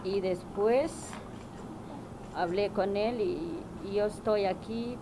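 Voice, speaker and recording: A young woman from Guatemala giving personal testimony at a press conference, halting and searching for words. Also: medium pitch. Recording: noisy press room audio.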